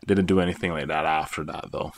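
A man co-hosting a podcast, teasing his co-host and reacting quickly in casual chat. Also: very deep voice, steady tone, no room sound.

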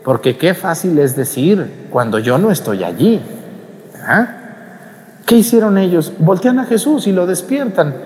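A man's voice: high voice, animated, a little slow, darkish tone. A man preaching a homily, talking conversationally, questioning the congregation and acting out scenes. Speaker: priest. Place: church. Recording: long church reverb.

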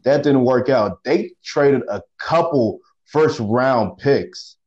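A man co-hosting a sports podcast over a phone line, talking casually with halting restarts and slang. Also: medium pitch, darkish tone. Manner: halting, repeats words, slangy. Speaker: podcast co-host.

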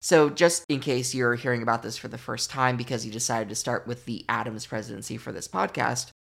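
Wry, gravelly-voiced podcast host. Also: male voice, mid-range voice, fairly even intonation, fairly quick, a bit bright. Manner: wry, chatty, digressive. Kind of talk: casual history podcast commentary.

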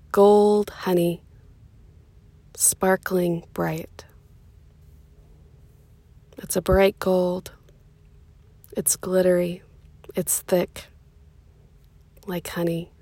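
A soft-spoken woman on the low side guides a meditation, unhurried and calming, pausing after each short phrase. At times her voice grows breathy, and the recording is dry.

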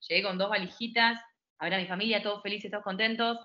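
Fast-talking Argentine woman, bright voice. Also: medium pitch, highs cut off. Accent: Argentine Spanish. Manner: lively storytelling, acts out quoted voices. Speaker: guest. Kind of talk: casual interview.

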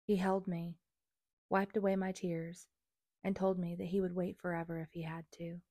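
Brief: young adult woman, low voice, earnest first-person memoir reading, dry close sound. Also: level tone, moderate pace, mellow, dry recording. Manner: earnest, confessional. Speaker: memoir narrator.

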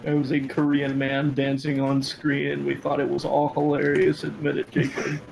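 A man's voice: a little high, completely flat delivery, moderate pace, vocal fry, a little mellow, slight background noise, poor audio. A young man co-hosting a podcast in casual, profane banter. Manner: joking, swearing freely. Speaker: podcast co-host.

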